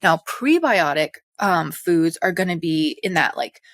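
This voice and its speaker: A young woman in casual educational talk, chatty and animated, a little out of breath, as a hormone health coach. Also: lowish voice, unhurried, no room sound. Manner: chatty, animated, full of fillers. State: slightly out of breath.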